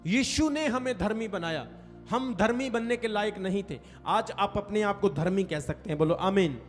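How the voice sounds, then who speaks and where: This pastor's voice is high and his pace moderate as he delivers a sermon, leaning on and drawing out key phrases while prompting the congregation to respond. Faint music plays in the echoing hall.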